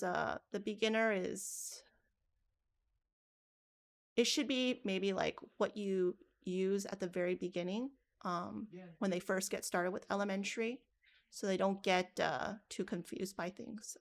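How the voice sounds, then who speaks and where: A woman's voice: mid-range voice, fairly even intonation, unhurried, creaky. Woman thinking aloud in a coding demo. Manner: casual, thinking aloud with restarts. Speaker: teacher trainer. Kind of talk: live coding workshop demo.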